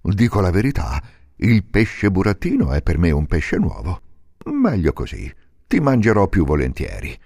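A man's voice: low-pitched, huge pitch swings, moderate pace, vocal fry, a little mellow, breathy edge, dry recording, studio quality, pitched above the performer's own voice, exaggerated voice. A man voicing a mocking, greedy fisherman in a storybook reading. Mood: gloating. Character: gloating, hungry adult male fisherman.

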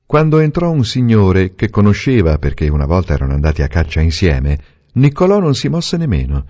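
A man narrating a novel aloud in a measured, expressive reading. The recording sounds dull and lo-fi. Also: deep voice. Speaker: reader. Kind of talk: audiobook narration.

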